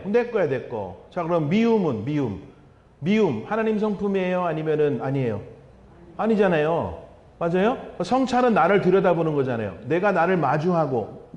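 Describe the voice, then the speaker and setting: Animated high-pitched preaching man. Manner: animated, asks the congregation questions and repeats key words. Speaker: pastor. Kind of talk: revival meeting sermon. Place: church sanctuary. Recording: dull sound with long hall reverb.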